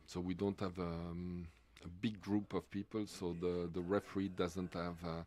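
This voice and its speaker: Man, swiss french accent, very low voice, halting sports commentary, lots of uhs. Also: flat delivery, darkish tone. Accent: French-speaking Swiss. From Switzerland. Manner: halting, many fillers and restarts. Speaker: race commentator.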